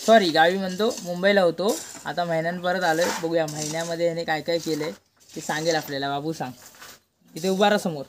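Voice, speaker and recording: Touring his home courtyard in Konkan, India, this male vlogger keeps things casual, chatting, coaxing and teasing the kids. He speaks fast in a slightly high, steady voice, with background noise and family chatter from outdoors.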